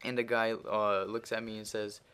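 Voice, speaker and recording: Over gameplay, a teenage gaming commentator with a Russian accent tells a crude story packed with profanity and fillers, meandering as he goes. His male voice is fairly low, level, clean and at normal speed, turning louder and heated as he revisits the argument.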